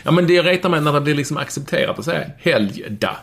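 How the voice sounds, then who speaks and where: A man's voice: on the high side, lively intonation, vocal fry, a bit bright. A man co-hosting a casual podcast, bantering and arguing his points emphatically in a mock-serious way. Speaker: podcast co-host.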